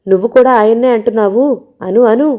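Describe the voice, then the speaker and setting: A woman's voice: medium pitch, moderate pace, narrow, tinny audio, close to an everyday voice. A woman voicing a bitter, grieving middle-aged mother who hurls accusing tirades. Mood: bitter scolding.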